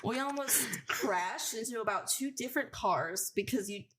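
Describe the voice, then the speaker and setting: Young woman co-host, animated storyteller; recording buried in heavy noise. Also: a little high, moderate pace. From northern United States. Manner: animated storyteller, laughs often. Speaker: podcast co-host. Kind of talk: casual chat. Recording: loud background noise.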